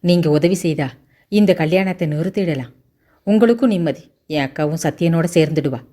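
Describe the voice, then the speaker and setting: A woman's voice: sits low, moderate pace, warm tone. A woman voicing a nervous, polite young man pleading on his sister's behalf in a Tamil audiobook. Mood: eager. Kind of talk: audiobook character voice.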